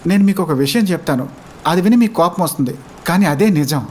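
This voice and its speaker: Male comic voice, high and quick, pleading then mocking, film dub with light music under it. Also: lively intonation, darkish tone. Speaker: comic actor in a dubbed film scene. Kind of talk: dubbed film comedy dialogue. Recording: film soundtrack with music behind.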